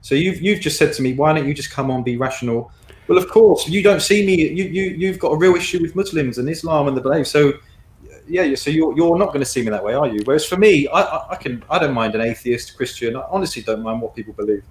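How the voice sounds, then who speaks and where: A man's voice: on the high side, expressive, fast, reverberant. A guest man in a heated debate, defensive and repetitive, often talking over the hosts. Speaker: guest caller.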